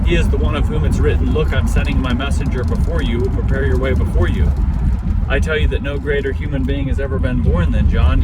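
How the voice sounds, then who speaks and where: Male voice, medium pitch, rote recitation of memorized scripture, self-correcting, very noisy vehicle and street ambience. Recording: loud outdoor vehicle and city noise.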